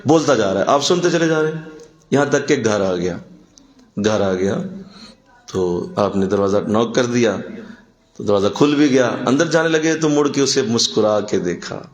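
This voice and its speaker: Animated man preaching in an echoey room. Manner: animated, rising to emphatic high bursts. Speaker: religious speaker. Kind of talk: sermon.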